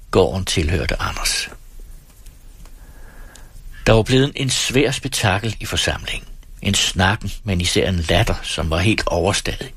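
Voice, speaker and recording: A man narrating an audiobook in a steady, measured reading. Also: low voice, husky, no echo. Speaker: audiobook reader.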